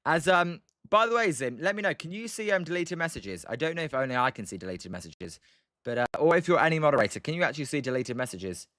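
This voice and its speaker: A young British man with a fairly high, sharp voice hosts a live stream, firing off fast, animated game commentary between replies to chat. He rambles and hesitates, filling gaps with plenty of ums and uhs. The recording is clean studio audio with no room sound.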